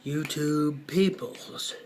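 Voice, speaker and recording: A man hosting his own channel, casually reading aloud from a web page in a hesitant, halting way, dropping into soft muttered asides. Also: on the high side, a little hiss or hum. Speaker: channel host.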